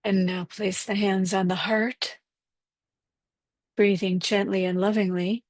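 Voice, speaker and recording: A woman leading a guided breathwork meditation, giving gentle, unhurried instructions with pauses. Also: mid-range voice, little pitch movement, no echo, clean studio sound.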